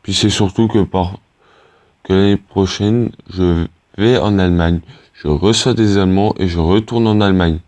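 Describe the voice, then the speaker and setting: Teen male gamer, low voice, casual hesitant rambling commentary, dry sound. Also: steady tone, moderate pace, darkish tone, no room sound. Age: teenager. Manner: rambling and hesitant, many fillers and restarts. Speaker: gaming YouTuber.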